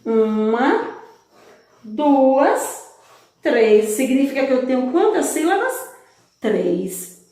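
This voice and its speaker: A woman teacher talks to young children in a slow, patient way, her fairly high voice rising and falling in a lively sing-song. She asks questions and answers them herself, stretching syllables apart one by one. The room around her rings with a strong, hollow echo. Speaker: primary school teacher. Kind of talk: recorded lesson for young children. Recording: very echoey room.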